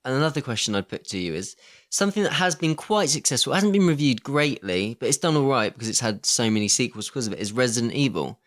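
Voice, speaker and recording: A man co-hosts a podcast, talking conversationally and inquisitively as he poses questions in a casual discussion. His voice is medium-pitched and fairly bright, with lively intonation and a quick pace.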